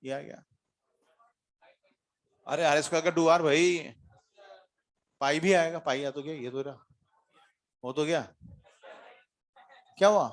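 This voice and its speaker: High-voiced male classroom teacher. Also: slow pace, pauses often. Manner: questioning students, mixing Hindi and English terms. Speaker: physics teacher. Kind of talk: classroom lecture. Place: classroom with students.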